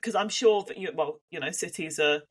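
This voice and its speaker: Speaking with a fairly low, breathy-edged voice at a fairly quick clip, this Devon-born podcast co-host has a Devon English accent. She's casual and thoughtful, hedging and restarting often as she thinks out loud.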